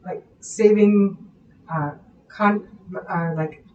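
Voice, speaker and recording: A woman's voice: mid-range voice, drawn-out words, a little mellow, recorded from a distance, highs cut off. A Midwestern American woman telling shop stories on a live stream, trailing off and giggling along the way. Her voice sounds set back from the mic in an echoey room. A faint hum runs underneath. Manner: giggly, storytelling, trails off mid-sentence. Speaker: co-host of a live quilt shop show. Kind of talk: casual live-stream chat.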